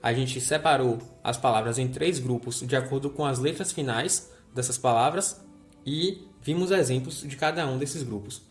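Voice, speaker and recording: Man teaching with a friendly tone. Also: fairly high pitch. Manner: friendly explainer who checks in with the viewer. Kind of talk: recorded grammar lesson.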